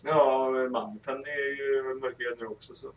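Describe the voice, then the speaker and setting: A man's voice: mid-range voice, steady tone. A man co-hosting a casual podcast chat with dry, teasing interjections. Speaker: podcast co-host. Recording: roomy, dull lo-fi sound with faint noise.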